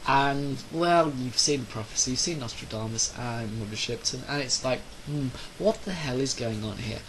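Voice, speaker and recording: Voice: medium pitch, moderate pace, background noise. A person delivering a rambling, opinionated monologue in a theatrical, declamatory way, drawing out phrases for emphasis. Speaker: solo speaker of a rant video.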